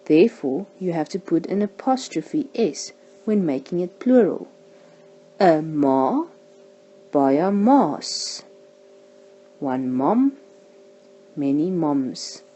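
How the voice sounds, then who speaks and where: A woman teaching a language lesson, saying each example word slowly and carefully. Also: low-pitched, very animated, mellow, poor audio. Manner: slow, careful pronunciation of example words.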